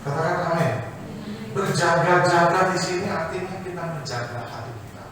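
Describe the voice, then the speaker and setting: A man preaching a sermon as pastor, telling a story with lively delivery and calling for amens from the congregation. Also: fairly high pitch, moderate pace, noisy background. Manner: animated storytelling with call-and-response. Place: large church hall. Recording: echoey church hall from a distance.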